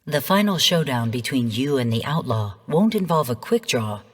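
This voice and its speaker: An actress voices a composed, coolly commanding AI who guides missions in a video game, giving formal, measured briefings in a grave, urgent mood. Her female voice is very deep, with big pitch swings and a breathy edge. The delivery is heavily acted, and a long reverb tail trails behind it.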